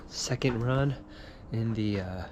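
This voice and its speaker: Out on a porch and along dark streets, this thirtysomething man with a failing voice talks slowly through a running shoe review for his vlog. His commentary is low-key, as if he's thinking aloud, and the action camera's audio is full of loud outdoor noise.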